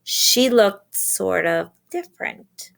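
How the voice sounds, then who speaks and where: A woman reading a children's story aloud in a gentle way, pausing to explain words for young listeners. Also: mid-range voice, animated, gravelly.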